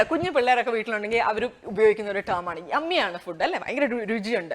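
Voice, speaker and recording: A woman with a Malayali accent runs a casual English lesson, her pitch swinging freely up and down as she explains. She laughs between points and stretches the example sentences out slowly and carefully. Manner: chatty, lively, laughs while explaining; slows down to model English words and sentences. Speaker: English teacher.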